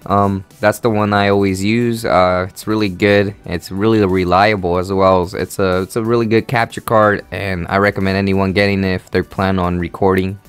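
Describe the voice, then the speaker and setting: An eighteen-year-old man from Honduras answers viewer questions in a loose, rambling vlog, full of ums and restarts. His voice sits a bit low and comes across smooth and clear. Soft background music plays faintly behind him. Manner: rambling, filler-heavy, easygoing. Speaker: gaming channel host. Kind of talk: casual Q&A vlog.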